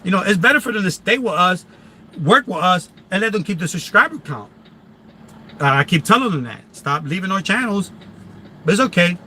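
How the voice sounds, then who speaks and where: This high, expressive male voice belongs to a live streamer from Philadelphia, USA, whose accent comes through clearly. He speaks fairly quickly in a pushed, bright way, talking casually and emphatically with lots of repetition and restarted sentences. Slight background noise is audible.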